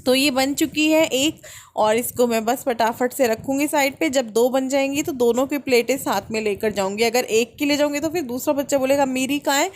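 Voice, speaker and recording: A woman's voice: sits high, moderate pace, a little hiss or hum. A woman in her thirties from India chatting to her viewers as she explains home cooking in a casual vlog. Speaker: home vlogger.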